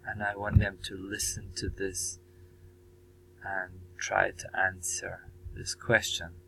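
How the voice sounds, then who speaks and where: Slow, measured man explaining tasks. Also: sits low, flat delivery, vocal fry, bright, forceful tone, a little hiss or hum, low-quality recording. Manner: measured, with frequent ums and pauses. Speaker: teacher presenting course tasks. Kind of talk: recorded presentation.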